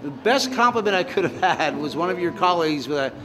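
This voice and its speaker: A man's voice: a little high, expressive, brisk, noisy background. An American man in his sixties, chatting in an upbeat, casual interview as a ventriloquist. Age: 60s. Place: large open-sided fairground shed.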